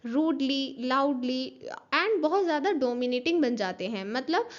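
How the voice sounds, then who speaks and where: A woman with a high voice teaches an online class, working through each point step by step. She spells words out letter by letter and stops to ask whether her students are following. The recording is dull and lo-fi. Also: expressive, measured pace. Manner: explains step by step, spells out letters, checks in with "understood?". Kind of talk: online class lecture mixing Hindi and English.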